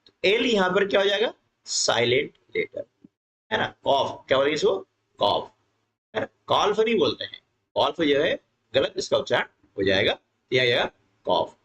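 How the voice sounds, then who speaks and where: A man teaching an English textbook lesson to students, reading English lines slowly and then explaining them quickly, with frequent tag questions. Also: a little high, a bit bright, dull audio.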